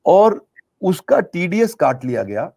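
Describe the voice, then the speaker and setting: A man's voice: sits high, big pitch swings, slow pace, vocal fry, a little mellow. A middle-aged man answering interview questions in an earnest, emphatic way, repeating key phrases for effect. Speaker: business coach being interviewed.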